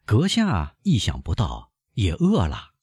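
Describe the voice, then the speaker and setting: A man voicing a bandit guard who answers softly and with mocking politeness. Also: wildly swooping pitch, slow pace, breathy edge, no room sound, studio quality, exaggerated voice. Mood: mock-polite. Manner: soft, low and mockingly polite. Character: calm, courteous male bandit guard.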